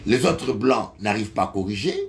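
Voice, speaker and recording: A middle-aged man with a Congolese French accent, preaching a sermon and telling a personal story, slow and then loud and high. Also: lively intonation, creaky, slight background noise. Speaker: bishop preacher.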